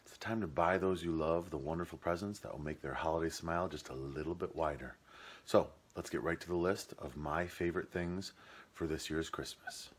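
A homestead vlogger in his thirties with a Midwestern American accent films himself at arm's length on a handheld camera, chatting through a gift list in rooms of his home and garage. He's chatty and jokey, with plain talk about the products. His voice is a rumbling low, steady in tone and a little fast.

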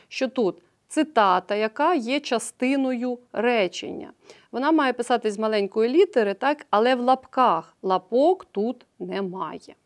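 A woman teacher giving an online grammar lesson, patiently explaining each step and often checking in with a quick "right?". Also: a little high.

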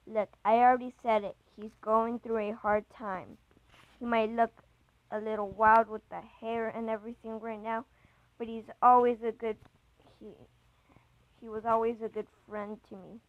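A woman's voice: a little high, level tone, moderate pace, no echo, narrow, tinny audio, close to an everyday voice. A woman reading a chat story aloud, voicing an anxious young man who hesitates and stumbles over his words.

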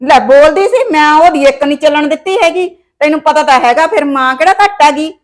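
A woman's voice: high voice, a little fast, lightly acted. A woman playing a bossy scheming mother-in-law. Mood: domineering. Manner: scolding, domineering, scheming. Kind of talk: village comedy short film acting.

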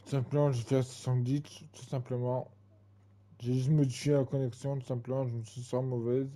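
A man's voice: mid-range voice, little pitch movement, brisk, mellow. A man in his twenties giving casual gameplay commentary, rambling and full of fillers and repeated tags. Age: 20s. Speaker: gaming channel host.

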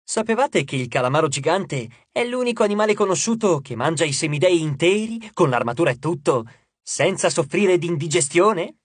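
A man's voice: on the high side, animated, brisk, husky, dry recording. A man voicing a mild, chatty female sea goddess who explains things in a lighter, fussy tone. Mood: earnest.

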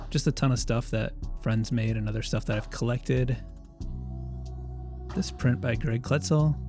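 A man's voice: mid-range voice, mellow. A man in his thirties giving a casual tour of his basement studio, chatty and self-deprecating with offhand jokes. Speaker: illustrator showing his studio.

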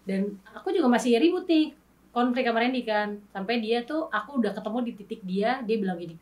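A woman guest on an interview show, telling her story in candid, animated casual chat and acting out past arguments. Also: a little high, brisk, far from the mic.

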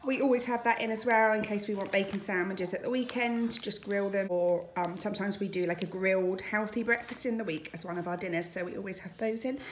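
This mid-range female voice moves a little fast with few pauses, over a little hiss or hum. A British family vlogger in her thirties, from the UK, casually talks through a grocery haul at her home dining room.

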